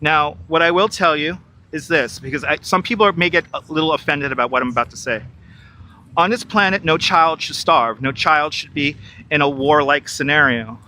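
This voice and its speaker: With a fairly high, sharp voice at a moderate pace, this middle-aged man from New York live streams while walking outdoors by a river. A little hiss or hum rides on his wireless clip-on mic as he chats, repeats himself, and reads and responds to viewer chat.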